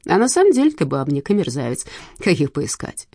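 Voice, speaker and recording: A woman's voice: low-pitched, wildly swooping pitch, brisk, dark tone, breathy edge, no echo, clean studio sound, full character voice. A woman voicing a scheming widow who talks in a sweet, mocking purr. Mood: sweetly menacing. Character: scheming purring widow, middle-aged woman.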